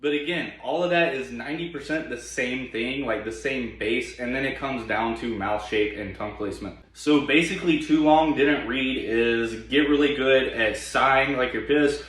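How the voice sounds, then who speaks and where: Male tutorial instructor, informal and plain-spoken, mid-pitched, heavily reverberant room. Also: normal speed, few pauses, fairly bright tone. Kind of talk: casual explanatory tutorial. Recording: very echoey room.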